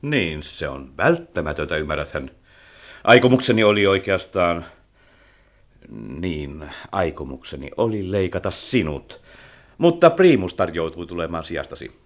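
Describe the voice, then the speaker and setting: An aging architect in a radio drama, his low voice rising and falling with wide swings. He gives orders sternly and then turns wistful and kind. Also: very animated. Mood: gentle. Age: older. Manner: commanding, then wistful and gentle. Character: aging male architect, stern yet tender. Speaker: old architect character. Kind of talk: radio play acting.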